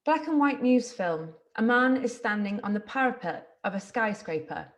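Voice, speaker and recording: A woman's voice: mid-range voice, expressive, normal speed, muffled recording. A woman giving scripted narration, reading out stage directions.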